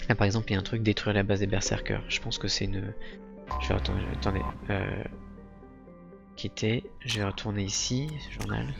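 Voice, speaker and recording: A man's voice: on the low side, flat delivery, a little fast, gravelly, lo-fi sound, over music. A man hosting a let's play, commenting casually and thinking aloud in a hesitant, improvised way. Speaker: gaming video host.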